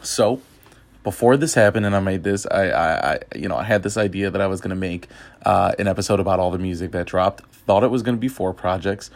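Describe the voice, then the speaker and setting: A man's voice: low-pitched, a little fast, creaky. A man hosting a casual music podcast, rambling with many fillers, and he has the hiccups. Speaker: podcast host. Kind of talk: casual music review chat.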